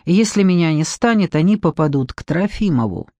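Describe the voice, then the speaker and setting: A woman's voice: on the low side, lively intonation, a little fast, mellow, dry recording, lightly acted. A woman reading an audiobook, voicing a defiant young former nanny who speaks with scorn.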